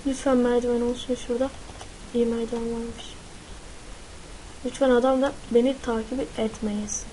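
A woman's voice: on the high side, little pitch movement, normal speed, warm tone, a little hiss or hum, poor audio. A woman commenting live on her own gameplay, easily frightened and swearing freely as she plays. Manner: frightened, swears a lot, shrieks in panic. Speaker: gaming YouTuber.

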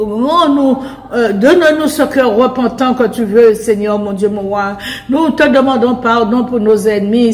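A woman preacher leads a fervent prayer in a fairly high voice. She speaks slowly in short phrases and keeps repeating invocations to the Lord between them. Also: a little mellow. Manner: short spoken phrases with pauses. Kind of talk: fervent prayer and Bible reading.

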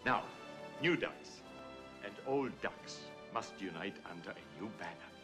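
An older actor playing a kindly old man giving a gentle, measured halftime pep speech in a film. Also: lowish voice, lively intonation, over music. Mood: warm, solemn. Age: 60s or older. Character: kindly old man uniting a young team. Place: locker room. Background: loud film score.

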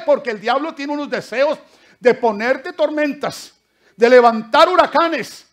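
High-pitched preacher guy in church, loud then soft, keeps calling everyone brother. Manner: swings from loud exclamations to soft asides; keeps addressing listeners as brother. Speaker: pastor. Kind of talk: sermon.

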